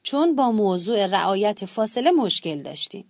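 A woman reading a storybook, voicing a calm female counselor who gives patient instructions. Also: medium pitch, dry recording, clean studio sound. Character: calm female school counselor leading a class.

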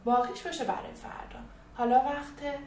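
A woman voicing a patient mother at bedtime in a storybook reading, speaking gently and coaxingly. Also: high voice, a little hiss or hum, pitched above the performer's own voice, natural voice. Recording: echoey room, distant, faint music.

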